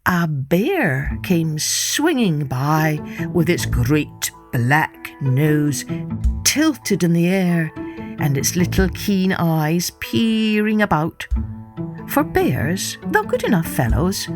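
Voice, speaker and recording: A woman narrating a folktale for children in an expressive, measured way. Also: on the low side, music in the background. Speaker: storyteller.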